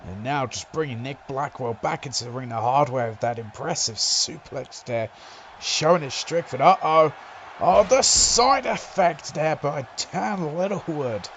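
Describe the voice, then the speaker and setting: A man doing excitable play-by-play wrestling commentary, breaking into loud exclamations. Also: a little high, a little slow, a little hiss or hum.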